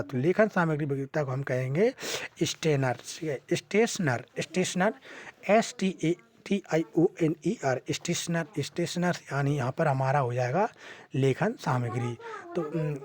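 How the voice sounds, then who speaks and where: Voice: medium pitch, a little mellow. An English teacher giving a vocabulary lesson, posing questions and answering them, spelling words out letter by letter, with frequent "hmm" and "theek hai" fillers. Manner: asks and answers its own questions.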